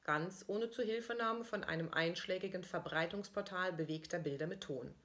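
Woman with a low voice, dry storytelling. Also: normal speed, fairly bright tone. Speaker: author reading her own text. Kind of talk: first-person diary-style story reading.

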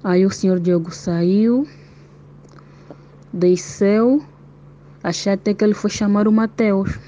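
A woman recounts events in a steady, detailed voice message. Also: mid-range voice, takes it slowly. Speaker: prisoner's wife giving testimony. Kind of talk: recorded voice-message account. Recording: dull lo-fi voice note, faint noise.

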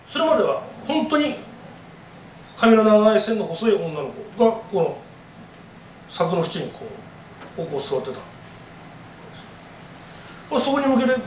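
Male horror storyteller with a high voice that leaps around, telling a live ghost tale in a dramatic way, picked up from a distance. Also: slight background noise. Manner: dramatic, acts out voices and gasps. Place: live event venue. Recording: echoey room from far off.

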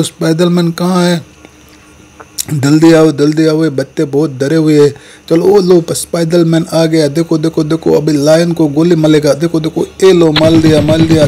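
A man's voice: on the high side, warm tone. A man narrating playful toy play in a childlike, lisping way, repeating little calls to look and come on over and over.

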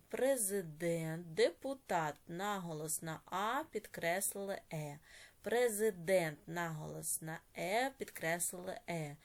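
A woman teacher with a Ukrainian accent giving an online lesson to young children and slowly dictating words with clear stress. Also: on the low side. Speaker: primary school teacher.

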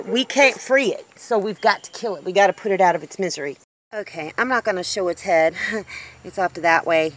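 Out on her homestead porch, a woman in her fifties talks to the camera of a handheld phone held at arm's length, vlogging in a loose, rambling way full of ums and false starts. She has a lowish, slightly bright voice, and there's a faint hiss or hum.

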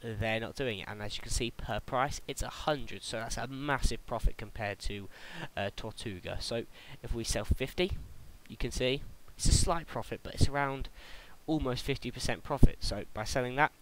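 A man's voice: mid-range voice, normal speed, hardly any pauses, fairly bright tone, slight background noise, low-quality recording. A young British man hosting a casual game tutorial voice-over, chatty and prone to stumbling over his words. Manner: chatty, stumbles and restarts, laughs at own slips. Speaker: gaming tutorial host.

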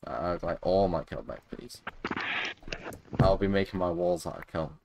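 A man's voice: low-pitched, normal speed, vocal fry, muffled recording, noisy background. A man chatting over a game, teasing his friends in a put-on posh voice. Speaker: gaming channel host. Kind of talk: casual gaming chat. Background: background music.

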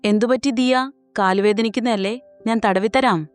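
A woman's voice: on the high side, moderate pace, no room sound, faint music behind, close to an everyday voice. A woman voicing a playful, doting young husband who teases his wife. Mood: teasing. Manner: playful, teasing.

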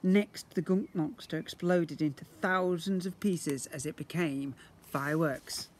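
A fiftyish man gives young children a lively read-aloud, playing up every sound word with expressive delivery. His pitch is fairly high and his pace unhurried. The recording, made outside by brick houses on a phone or camera at arm's length, carries a little hiss or hum.

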